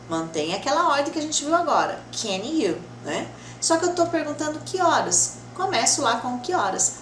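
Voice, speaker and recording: Lively patient woman teacher, echoey room. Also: a little high. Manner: patient, checks in often with "tá?" and "né?". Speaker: English teacher. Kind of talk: explaining grammar to the camera. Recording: echoey room with faint background noise.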